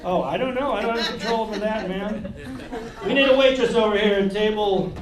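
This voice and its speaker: A man's voice: sits high, fairly quick. A male comedian headlining a club, telling loose, conversational stories and chatting with the audience. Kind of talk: storytelling stand-up. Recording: roomy club, distant mic, loud crowd laughter.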